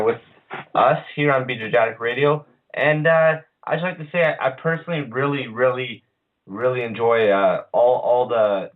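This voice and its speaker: A man hosting an online radio show, talking casually with lots of hesitations and restarts. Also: medium pitch. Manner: halting, many uhs and restarts. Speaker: podcast host. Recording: phone-line quality audio.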